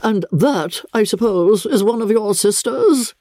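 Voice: mid-range voice, lively intonation, unhurried, mellow, dry recording, studio quality, pitched above the performer's own voice. A reader voicing a haughty, imperious elderly aristocratic lady, speaking stiffly and commandingly in an audiobook. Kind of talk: audiobook character reading.

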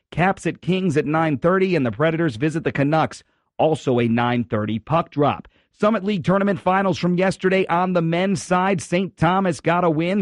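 A man hosting a sports radio show in an emphatic delivery, his voice hoarse from cheering. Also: fairly high pitch, dry recording, studio quality. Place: radio studio.

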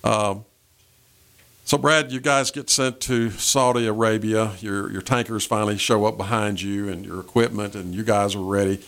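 A man with a Southern US accent hosting a conversational radio interview, halting and repeating phrases as he goes. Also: fairly low pitch, steady tone, a bit bright.

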